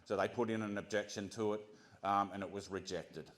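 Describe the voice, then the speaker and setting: An Australian man giving an earnest prepared speech to a community gathering, often pausing with ums and restarting his sentences. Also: lowish voice, steady tone, a bit bright. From Central Coast of New South Wales, Australia. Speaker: community speaker.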